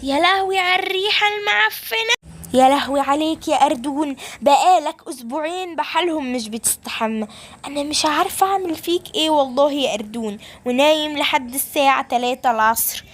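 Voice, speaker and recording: A woman with an Egyptian accent telling a children's story as a scolding mother who also speaks to viewers. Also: high-pitched. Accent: Egyptian Arabic.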